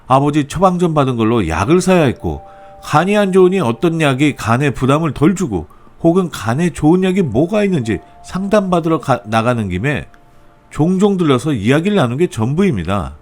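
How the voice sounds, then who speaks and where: Male storyteller; expressive, lively narration with mid pitch and wide range. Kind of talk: first-person story narration.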